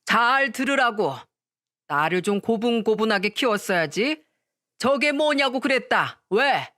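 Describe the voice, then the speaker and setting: A woman's voice: on the high side, animated, unhurried, pushed and bright. A woman reading as a rude, scornful older man. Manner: blunt, contemptuous, scolding. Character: rude arrogant older man, prospective father-in-law.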